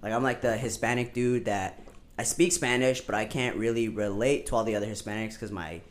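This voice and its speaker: A man's voice: fairly low pitch, brisk. A young man from Long Beach, California, chatting casually as a podcast guest, laid-back and sprinkling his talk with dude and curse words. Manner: laid-back, swears often, says dude a lot. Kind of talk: casual chat.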